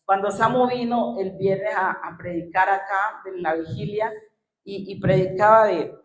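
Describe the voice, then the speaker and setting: A woman's voice: mid-range voice, measured pace, echoey room. A woman preaching a sermon in a church, emotional and acting out her own past words. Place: church hall.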